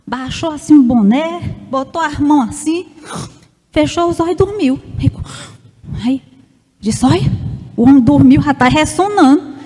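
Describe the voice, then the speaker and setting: A woman preaches a lively testimony in a high, expressive voice. She chats with the congregation and acts out each exchange in her story. Her voice carries through a reverberant church hall. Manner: animated, chatty, laughing asides, acts out dialogue. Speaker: missionary preacher.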